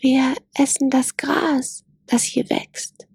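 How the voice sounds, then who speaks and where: A woman's voice: high-pitched, steady tone, slow pace, creaky, a little mellow, breathy edge, dry recording, pitched above the performer's own voice, heavily acted. A woman voicing a wary young female gazelle in a storybook, asking hesitant, cautious questions in a raised voice. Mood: timid.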